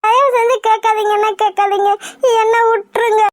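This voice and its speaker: A woman's voice: very high-pitched, little pitch movement, fairly quick, no room sound, studio quality. A woman voicing a frightened, injured young woman in a cartoon, pleading through tears. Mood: upset. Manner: pleading, tearful. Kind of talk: cartoon voice acting.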